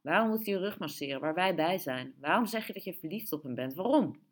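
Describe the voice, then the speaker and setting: A woman's voice: fairly low pitch, lively intonation, quick pace. A woman voicing an earnest, proud boy who questions insistently. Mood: indignant. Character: Tito, earnest upset boy, indignant and proud.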